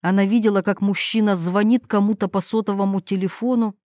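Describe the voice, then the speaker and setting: Female audiobook narrator, mid pitch, measured, dry close sound. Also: steady tone, warm tone, dry recording. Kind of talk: scripted narration.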